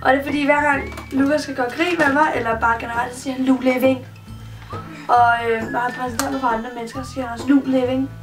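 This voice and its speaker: A woman's voice: high voice, steady tone, recorded from a distance. A young woman chatting casually in a home vlog, teasing her younger brother and humming bits of songs. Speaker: vlogger. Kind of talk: casual chat. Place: home bedroom. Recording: voice a bit off-mic with loud music behind.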